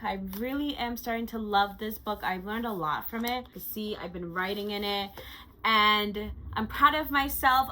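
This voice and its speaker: Bright-voiced woman gushing in a vlog. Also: mid-range voice, poor audio. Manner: gushing and chatty, with frequent "like". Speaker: lifestyle vlogger. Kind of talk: casual monthly recap vlog.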